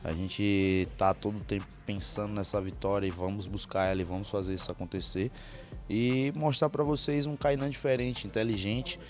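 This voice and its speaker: This young Bahian MMA fighter talks on the low side in a steady tone at normal speed, with faint music in the background. Standing before a press backdrop, he gives a casual interview into the interviewer's handheld mic, confidently talking himself up.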